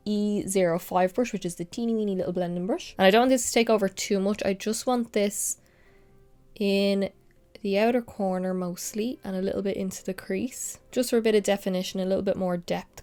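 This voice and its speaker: In a mid-range voice with vocal fry, a young makeup vlogger casually chats her way through a look. A lingering cold leaves her congested, giving her speech a slightly nasal, sniffly quality, and she shifts into soft whispers from time to time.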